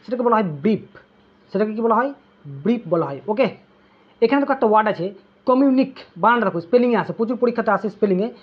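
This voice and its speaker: Husky tutor drilling vocabulary with check-ins. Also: medium pitch, expressive, fast, lo-fi sound. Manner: drills terms with constant "okay?" check-ins; asks students questions, then answers them. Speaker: English exam tutor. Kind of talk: online exam-prep lesson.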